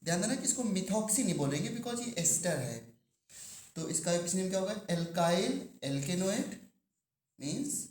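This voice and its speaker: A man teaching chemistry to a class, asking the students questions and drawing out key terms slowly. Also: high voice, expressive, darkish tone, roomy sound. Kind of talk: classroom lecture.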